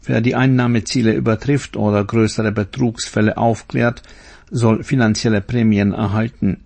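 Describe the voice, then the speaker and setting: A man reading a scripted news bulletin in a formal, measured manner. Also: fairly low pitch, fairly even intonation, vocal fry, a little mellow. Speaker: newsreader.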